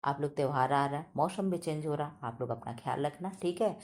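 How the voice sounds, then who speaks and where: Loud deep-voiced woman teacher. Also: brisk. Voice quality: deep, heavy voice. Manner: loud, emphatic, scolding-friendly teacher; repeats questions back to students. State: sore throat. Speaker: exam-prep teacher. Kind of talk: online quiz lesson.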